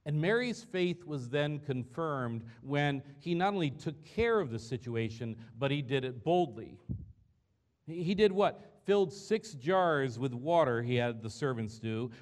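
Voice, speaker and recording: A man's voice: mid-range voice, lively intonation, unhurried. A man pastor preaching a sermon in a church, earnest and conversational, asking the congregation rhetorical questions.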